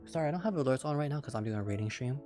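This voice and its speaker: A young man reads a light novel aloud on a late-night stream, his voice sitting at an ordinary middle pitch. He is chatty and giggly, slipping out of the text for asides. Soft music plays faintly in the background. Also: expressive, rapid-fire. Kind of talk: casual live-stream reading aloud.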